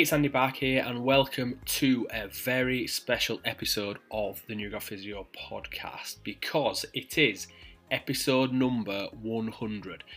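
A man with a thick Yorkshire accent hosting a solo podcast, talking in a halting, deliberately slowed way with repeated words. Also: lowish voice, sharp tone. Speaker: podcast host, physiotherapy mentor. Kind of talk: solo podcast talk to listeners.

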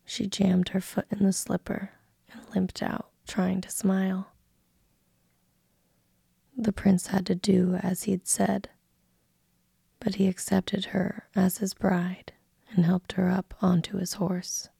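Woman storyteller, ASMR fairy tale in a soft whisper, husky and gravelly, close and dry. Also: medium pitch, little pitch movement, slow pace, pauses often, no room sound. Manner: soft unvoiced whisper throughout.

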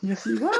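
A young man with a Mexican accent, chatting casually on a podcast and telling animated stories. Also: medium pitch, noisy background. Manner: storytelling, animated in anecdotes, many restarts. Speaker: podcast guest. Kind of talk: casual chat.

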